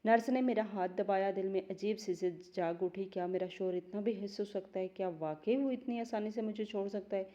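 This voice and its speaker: A woman's voice: medium pitch, fairly even intonation, few pauses, dark tone. A woman reading a first-person story aloud as a storyteller, in an emotional, dramatic manner.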